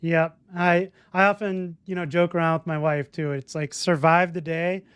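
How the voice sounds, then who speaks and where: A man hosting a podcast from home, chatting in a relaxed way and laughing easily. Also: fairly high pitch, moderate pace, clean tone, dry recording. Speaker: podcast host. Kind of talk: casual podcast conversation.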